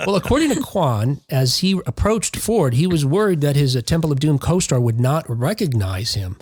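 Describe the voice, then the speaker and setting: A man co-hosting a casual podcast chat, relaying entertainment news as an animated storyteller. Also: a little high, moderate pace, slightly rough, no echo, studio quality. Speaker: podcast co-host.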